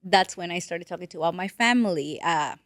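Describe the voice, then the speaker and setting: A lowish, brisk voice comes from a Peruvian woman in her late twenties whose native language is Spanish. As a guest financial advisor in a casual interview, she tells her story earnestly and animatedly, restarting at times. No echo is heard.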